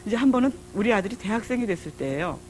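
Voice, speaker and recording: A middle-aged woman giving a public lecture on marriage and parenting, telling stories with lively acted-out dialogue. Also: medium pitch, rapid-fire, slight background noise. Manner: lively storytelling, acting out dialogue.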